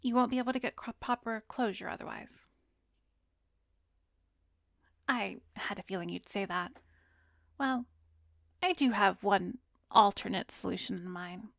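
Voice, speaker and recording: A woman lightly acts a calm female therapist, secretly an arrogant vampire, in an ASMR roleplay addressed to the listener. At medium pitch she speaks softly, gently and professionally in a measured, probing way, often slipping into breathy whispers, with a soothing, advising mood. The close studio mic is dry, with no echo.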